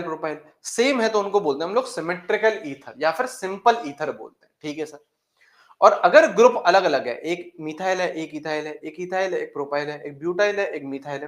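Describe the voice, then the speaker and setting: A male teacher in a live class, joking with students and repeating key terms slowly. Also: sits high, reverberant. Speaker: chemistry teacher.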